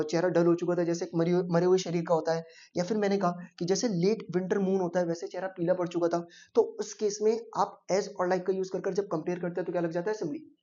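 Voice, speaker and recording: Male English tutor explaining fast for exam prep, warm low-lit tone, slightly lo-fi sound. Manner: mixes Hindi and English, quizzes students with rhetorical questions. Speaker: English teacher.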